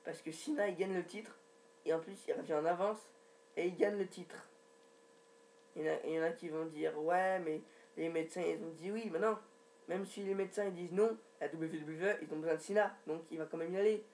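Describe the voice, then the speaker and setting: A man's voice: fairly high pitch, fairly even intonation, fairly quick, a little mellow, slight background noise. Rambling young man recapping matches. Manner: rambling, with many restarts and fillers. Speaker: wrestling recap vlogger. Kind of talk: casual recap commentary. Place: at home by a computer.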